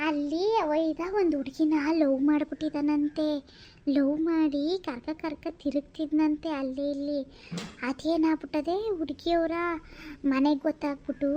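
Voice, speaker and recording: Very high-pitched woman doing village gossip. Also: a little hiss or hum. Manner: quarrelsome, gossipy village chatter with shouted insults. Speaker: comedy skit performer. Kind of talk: village gossip comedy skit, voicing several women.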